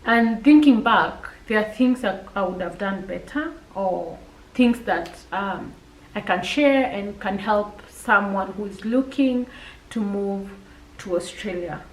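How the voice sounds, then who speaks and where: A woman's voice: mid-range voice, takes it slowly, reverberant, distant mic, rough recording. A woman with a Kenyan accent, chatting directly to viewers and giving practical advice in a casual vlog. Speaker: vlogger. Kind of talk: casual advice talk to camera.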